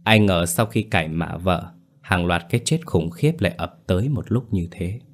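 Male horror narrator, very low and heavy voice, grave dramatic delivery. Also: normal speed. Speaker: storyteller. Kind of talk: scripted horror story narration.

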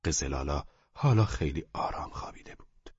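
A deep-voiced man reads a literary novel in a calm, measured storyteller's delivery that often drops to a soft near-whisper. His tone is husky, and the recording is dry, dull and lo-fi. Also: no room sound. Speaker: audiobook narrator. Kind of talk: scripted literary narration.

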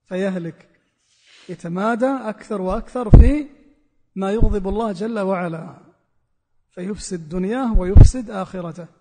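High-voiced man preaching in a hall. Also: normal speed, long pauses, dark tone. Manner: repeats key phrases for emphasis. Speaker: Islamic preacher. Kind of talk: sermon.

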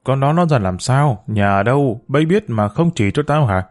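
A man's voice: mid-range voice, expressive, normal speed, close to an everyday voice. A man voicing an angry middle-aged mother who scolds her children about her husband's affair. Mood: scolding. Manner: sharp, scolding.

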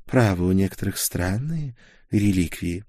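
A man's voice: low voice, lively intonation, moderate pace, warm tone, no echo, studio quality. A man reading an audiobook, voicing a proud young witch with a silky, mockingly polite and scornful manner. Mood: scornful politeness. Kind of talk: audiobook character voice.

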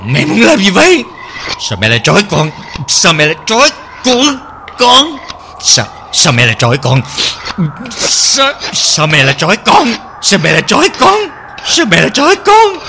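A young girl, tied up and crying, screams for her mother in a high, wildly rising and falling voice. The calls come out piercing and desperate. A man acts her out in a narrated horror story. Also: huge pitch swings, moderate pace, bright, forceful tone, a little hiss or hum, exaggerated voice. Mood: pleading. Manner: screaming and pleading.

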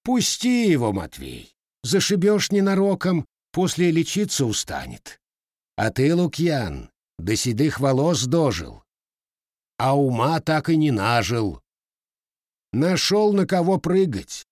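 A man's voice: a little high, huge pitch swings, slow, darkish tone, dry recording, studio quality, pitched above the performer's own voice, full character voice. A man doing a mocking old cossack. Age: older. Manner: mocking, commanding.

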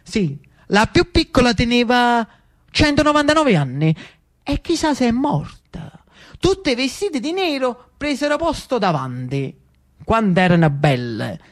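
Animated storyteller. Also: medium pitch, unhurried. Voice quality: animated, ironic, with dialect turns. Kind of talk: theatrical storytelling monologue on radio.

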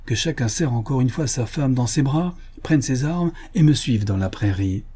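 A man voicing a brave frontier hunter who gives loud commands to his men in a read adventure story. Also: mid-range voice, expressive, moderate pace, slightly rough. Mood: commanding.

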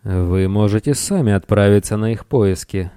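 A man voicing a bold pirate captain in a dry, mocking way, close to his own low voice. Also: normal speed, dark tone, smooth, no room sound, close to an everyday voice.

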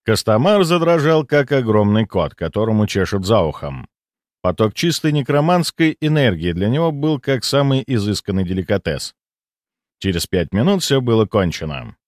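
A man reading an audiobook as narrator in an even, measured way. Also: fairly low pitch, no room sound, studio quality. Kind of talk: scripted narration.

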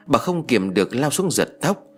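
A man narrating an audiobook story in an expressive storytelling manner. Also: mid-range voice, moderate pace, slightly rough, soft background music.

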